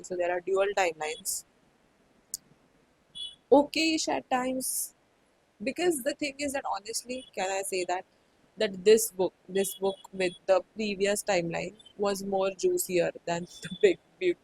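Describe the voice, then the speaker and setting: A woman with an Indian accent talks through her recent reads in a loose, chatty way. She leans on "like" and "you know" and drops into Hindi for quick asides. Her pitch sits in a middle range. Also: slight background noise, poor audio. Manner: chatty, many "like" fillers, mixes in Hindi phrases. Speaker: book vlogger. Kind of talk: casual book review chat.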